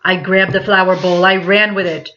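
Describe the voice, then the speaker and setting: Woman, bright voice, expressive picture-book read-aloud, dramatic emphasis, lo-fi sound. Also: on the low side, normal speed, a little hiss or hum. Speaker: teacher reading a children's book aloud. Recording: dull lo-fi sound.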